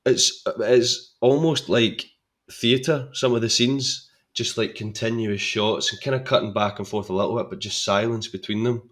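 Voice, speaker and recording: A man's voice: medium pitch, steady tone, moderate pace, a bit bright. A young adult man, a podcast guest and actor, chatting casually and enthusiastically about a film, often repeating words as he thinks.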